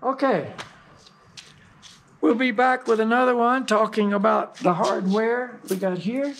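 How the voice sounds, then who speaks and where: High, gravelly-voiced man showing gear. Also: steady tone, measured pace, a bit bright. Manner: folksy, emphatic, with many "you know" fillers. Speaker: host of a mountain gear show. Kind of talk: casual gear demonstration.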